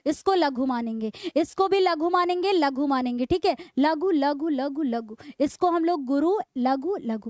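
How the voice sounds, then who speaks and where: A woman teacher with a very high voice walks students through a lesson. She repeats each point and asks questions that she answers herself. The sound is dry and close, with no room echo. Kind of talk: classroom lesson on poetic meter.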